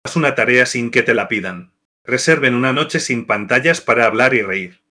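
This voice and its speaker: A man narrating scripted devotional marriage advice in an even, measured list-reading delivery. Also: medium pitch.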